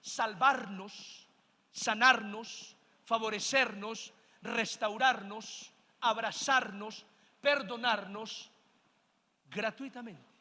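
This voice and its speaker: High bright-voiced man preaching in a hall. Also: steady tone, extremely slow, pauses often. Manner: preaching with rising emphasis, calls for amen. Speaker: pastor. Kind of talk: sermon. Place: church sanctuary. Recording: long church hall reverb.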